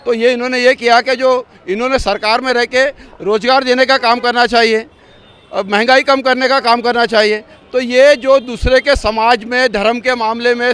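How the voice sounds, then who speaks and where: A man's voice: extremely high pitch, a bit bright, smooth. A man being interviewed on a city street, arguing his political case and firing off rhetorical questions. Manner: argumentative, piles up rhetorical questions. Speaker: local voter interviewed on the street.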